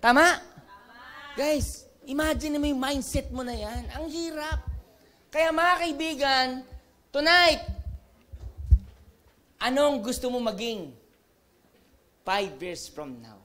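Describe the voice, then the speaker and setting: A middle-aged Filipino man with a Filipino accent, a company president giving a motivational seminar talk, animated and acting out dialogue with laughs. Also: extremely high pitch, slow, pauses often. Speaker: network marketing company president.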